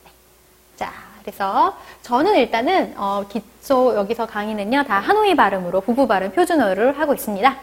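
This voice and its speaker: Female instructor, high pitch, patient step-by-step pronunciation lesson, close mic. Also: lively intonation, slightly rough. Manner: explains step by step, then models sounds slowly for repetition. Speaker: language teacher.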